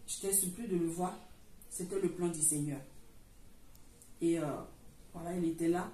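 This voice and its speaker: A woman's voice: on the low side, fairly even intonation, moderate pace, warm tone. A middle-aged woman from Africa, giving an earnest church testimony and retelling it with many restarts. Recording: roomy echo, far from the mic, faint noise.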